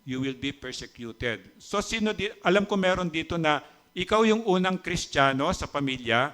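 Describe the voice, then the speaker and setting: Smooth-voiced man preaching a sermon. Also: fairly high pitch, expressive, moderate pace, a bit bright. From Philippines. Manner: conversational, teasing asides to the congregation; switches between Tagalog and English. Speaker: pastor. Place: church.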